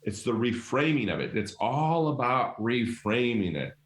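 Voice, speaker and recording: A man's voice: mid-range voice, big pitch swings, a little slow, echoey room. A middle-aged man, a guest leadership coach, talking emphatically and animatedly in casual conversation, acting out quoted voices. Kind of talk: passionate conversational storytelling.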